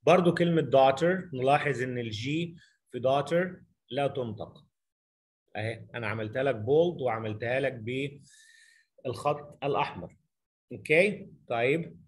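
A middle-aged Egyptian Arabic-accented man teaching English in a recorded lesson. His pitch sits in the middle range for a man. He poses rhetorical questions and talks through examples as he writes them out for the student. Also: moderate pace.

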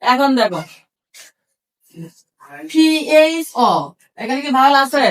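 A woman's voice: high-pitched, takes it slowly, far from the mic. A woman teaching English reading to a class, spelling words out letter by letter and asking questions that she then answers herself. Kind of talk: classroom lesson.

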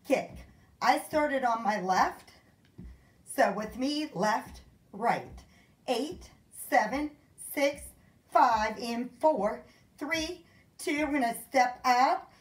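A woman fitness instructor leading a kickboxing workout, counting out moves and calling out encouragement, out of breath. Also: fairly high pitch. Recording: echoey room.

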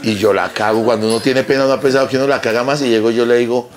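A young man with a Colombian accent, a comedian telling a crude, animated anecdote and laughing as he goes. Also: medium pitch, rapid-fire, crowd noise. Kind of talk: comic storytelling.

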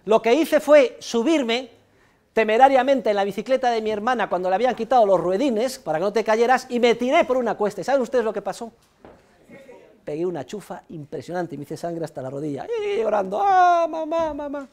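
A middle-aged man from Spain with a Spanish accent, giving a university economics lecture in a classroom, lively, repeating key points and tagging phrases with a questioning "eh". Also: high-pitched, a little fast. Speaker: economics professor.

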